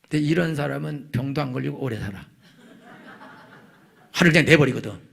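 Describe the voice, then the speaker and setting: A middle-aged male pastor preaching a sermon, telling stories with lively, acted-out outbursts. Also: mid-range voice, brisk, vocal fry. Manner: animated storytelling, acting out angry prayers. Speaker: senior pastor.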